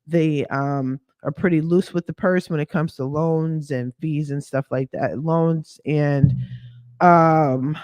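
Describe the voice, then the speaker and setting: Hoarse and deeper than usual from a lingering cough, the owner of a credit repair business walks through a casual screen share, candid and slangy with sassy side comments. She speaks slowly in a steady, darkish tone, recorded dry and close on a computer mic with no room sound.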